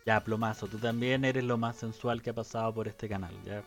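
A man's voice: on the low side, fairly even intonation, a little fast, faint music behind. A man with a Chilean accent, a podcast co-host, chatting casually in a joking, teasing way. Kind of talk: casual chat.

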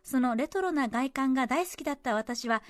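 A woman co-hosting a radio show, reading a letter aloud and then chatting, expressive and quick to laugh. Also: high-pitched, dry recording. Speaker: radio co-host reading listener mail.

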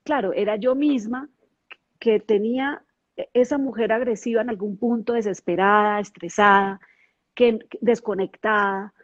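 A woman's voice: medium pitch, measured pace, no echo, highs cut off. A middle-aged woman, a guest, telling her own life story with emotion and lots of repetition. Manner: emotional, earnest, with many repeated words. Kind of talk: personal testimony in a podcast conversation.

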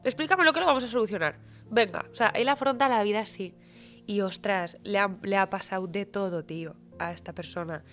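A woman guest in a casual podcast conversation, talking in an animated, heartfelt and slangy way. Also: mid-range voice, brisk, soft background music. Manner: animated, emotional, slangy, often says "tío".

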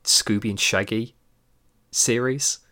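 Male podcast co-host, low voice, relaxed rambling chat with frequent laughs. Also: slow pace. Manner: rambling, laughs often, trails off. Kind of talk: casual chat about cartoons.

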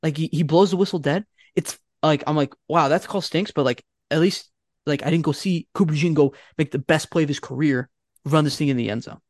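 A man co-hosting a casual sports podcast, ranting with a fan's exasperation and talking in quick bursts full of fillers. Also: fairly high pitch, no room sound, clean studio sound. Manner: animated, exasperated fan ranting.

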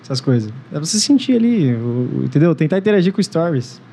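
A man's voice: on the high side, very animated, a little fast, creaky, warm tone, a little hiss or hum. A man hosting a podcast in casual chat, telling stories playfully. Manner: playful storytelling, laughs often.

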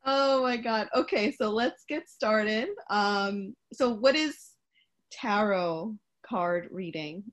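A woman's voice: mid-range voice, slow pace. Laughing young Long Island woman. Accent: Long Island New York. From Long Island, New York. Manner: laughs often, warm reactions, supportive. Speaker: podcast co-host. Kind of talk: casual chat. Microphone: video call.

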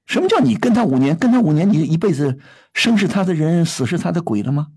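A middle-aged man scolds his caller on an advice show, firing off one blunt question after another. His voice is husky and swings widely in pitch. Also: very animated, fast, darkish tone. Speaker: radio advice host.

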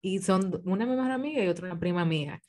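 A woman's voice: fairly low pitch, animated, quick pace, darkish tone. A woman guesting on a casual podcast, telling a story with lots of animation and frequent laughter.

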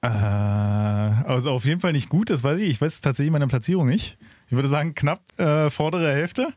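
A man with a dry, close sound, chatting casually on a podcast. He pauses often with fillers and pokes fun at his own weak showing. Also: a little high, expressive, darkish tone, no room sound. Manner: hesitant, self-deprecating, lots of fillers. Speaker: podcast co-host.

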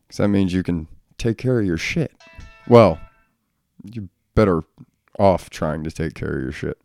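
A man's voice: sits low, creaky, mellow, clean tone, no room sound, clean studio sound. A man hosting a casual solo podcast, a father talking in a blunt, profane, ranting way. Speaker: podcast host.

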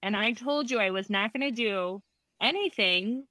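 A woman therapist telling a story in a casual conversation, animated, laughing often and acting out quotes. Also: fairly high pitch, normal speed, no echo.

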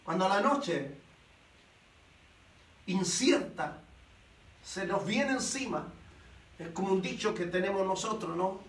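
Male preacher, sermon, very high voice, animated storytelling, rhetorical questions, echoey hall, distant mic. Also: takes it slowly, long pauses.

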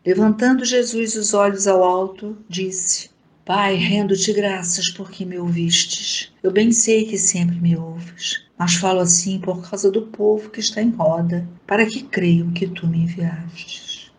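A woman reads a Gospel passage and leads a spoken prayer in a slow, reverent, prayerful way. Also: medium pitch, steady tone. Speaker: devotional reader and prayer leader. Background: soft new-age music.

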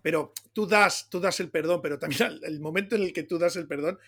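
A man with a Spanish accent from Spain, talking with a high, gravelly voice that has a bright, forceful edge. He tells stories in a loose, animated chat, laughing often and calling his listeners "tío". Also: brisk. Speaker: pastor and podcast co-host. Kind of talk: casual chat.

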